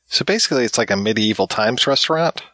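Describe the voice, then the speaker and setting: A man's voice: mid-range voice, animated, fast talker, fairly bright tone. A man co-hosting a podcast in casual chat, slipping in dry jokes. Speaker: podcast co-host.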